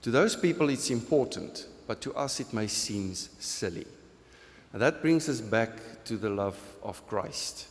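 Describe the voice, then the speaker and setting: Here the pastor from South Africa sounds mid-range and unhurried, his intonation lively and his accent South African. Long hall reverb fills the church sanctuary as he gives a heartfelt, chatty sermon, laughs at his own jokes, and opens the floor to congregation questions.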